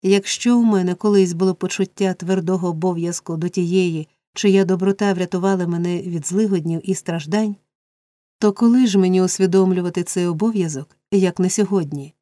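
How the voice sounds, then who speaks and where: A woman's voice: fairly low pitch, brisk, dark tone, dry recording, natural voice. A woman reading a resolute, tearful young woman. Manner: firm yet emotional. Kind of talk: audiobook character reading.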